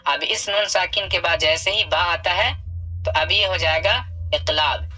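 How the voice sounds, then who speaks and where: A man teaching recitation at a patient, step-by-step pace. His voice is bright and a little husky. He stretches out example sounds slowly, repeats them, and quizzes the listener with questions he answers himself. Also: high voice, rough recording. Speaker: Quran reading teacher.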